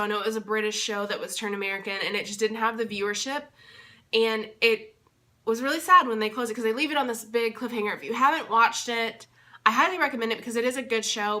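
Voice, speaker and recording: This casual vlog update comes from a young woman who vlogs and interprets at conventions, speaking at medium pitch with a bright, forceful tone. Still congested and recovering from voice loss, she chats and rambles, filling gaps with plenty of fillers.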